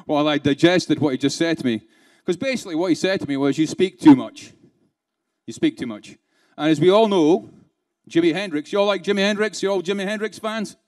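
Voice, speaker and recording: A man's voice: a little high, a little mellow. A man giving a keynote talk to a live conference audience, peppering them with rhetorical questions and playful asides. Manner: laughs between points, playful. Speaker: keynote speaker.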